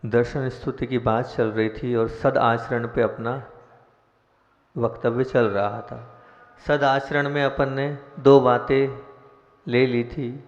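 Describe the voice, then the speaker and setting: A man's voice: mid-range voice, flat delivery, takes it slowly. Man teaching a sermon in an echoey hall. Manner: teaching, asks the audience questions, explains step by step. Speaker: senior monk giving discourse. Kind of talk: devotional sermon. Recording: echoey hall, dull lo-fi sound.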